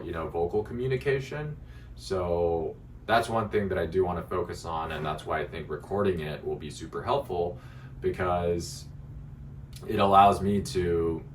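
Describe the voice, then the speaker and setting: A man with a deep, resonant, articulate voice chatting casually to viewers in a reflective self-critique, halting as he thinks aloud. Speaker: beginner stand-up comedian. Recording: distant mic, faint background noise.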